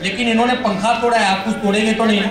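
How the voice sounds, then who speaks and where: A man working as a children's party magician, giving playful, teasing live show patter, coaxing children with questions and repeated instructions, projecting loudly to the room. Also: sits high, level tone, rapid-fire, music in the background. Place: large echoey indoor party hall. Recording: echoey hall from afar, loud party crowd noise.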